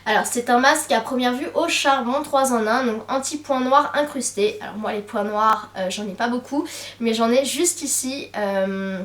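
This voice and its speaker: A young woman with a slightly high voice chats about beauty buys, filling her sentences with hesitant fillers. She is recorded from a little way off the mic, and the room adds a clear echo. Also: moderate pace, distant mic. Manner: chatty, many hesitant fillers. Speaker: beauty vlogger. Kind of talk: casual haul chat to camera.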